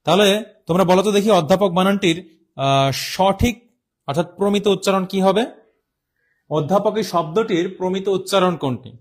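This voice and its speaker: A man's voice: high voice, a little fast, pauses often. A young man from Bangladesh teaching an online exam-prep class, explaining step by step and quizzing his students as he goes. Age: young adult. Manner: repeats and drawls words to show how they are said.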